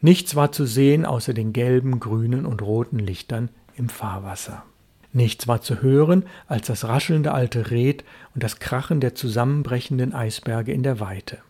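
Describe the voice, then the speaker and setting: A man reading a classic story aloud as narrator of a literature podcast, in a measured storytelling manner. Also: medium pitch, dark tone.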